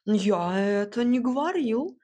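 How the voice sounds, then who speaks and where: A woman voicing a proud, grumbling male house cat who talks slowly and purrs between words in an audiobook. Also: mid-range voice, steady tone. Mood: storytelling. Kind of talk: audiobook character voice.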